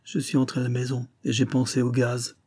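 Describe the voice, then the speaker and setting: A man reading the part of a desperate, impoverished father who pleads and then questions his faith bitterly, in a mellow, husky voice. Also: mid-range voice, completely flat delivery, brisk, close to an everyday voice. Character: despairing poor older father, bitter.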